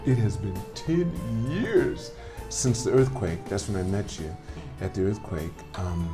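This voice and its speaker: A man's voice: deep voice, very animated, a little slow, over music. A man hosting a podcast, prompting his guest with questions and finishing her sentences. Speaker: podcast host. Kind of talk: conversational interview.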